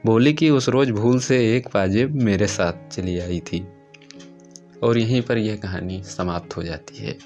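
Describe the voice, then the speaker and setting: A man reading a literary short story aloud in the first person, in a measured, steady storytelling manner. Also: on the low side, soft background music. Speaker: story narrator.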